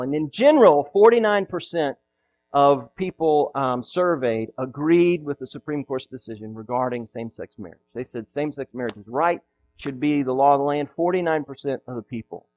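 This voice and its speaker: A man preaching a sermon as pastor, emphatic and rising to loud peaks, with frequent restarts. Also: on the high side, expressive, a little fast, lo-fi sound.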